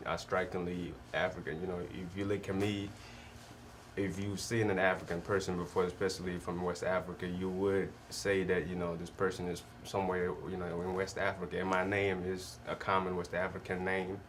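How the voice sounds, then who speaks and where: A man's voice: sits low, little pitch movement, moderate pace, a little hiss or hum. A young man, speaking as a talk show guest, thoughtful and hesitant, with many fillers. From the Gambia. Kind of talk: casual talk show conversation.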